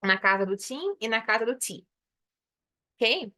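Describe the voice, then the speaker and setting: A woman from Brazil teaching an English lesson, explaining patiently and slowly repeating English phrases. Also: a little high, animated, sharp tone. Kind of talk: online English lesson in Portuguese.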